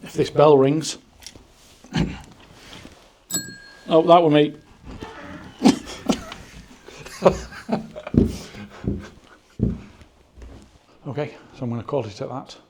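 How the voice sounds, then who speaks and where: A man's voice: on the high side, expressive, very slow, long pauses, darkish tone, slight background noise. A man hosting a ghost-hunting vlog, talking in an easygoing, plain-spoken and joking way. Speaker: paranormal investigator and channel host. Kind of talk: casual chat and vlog sign-off.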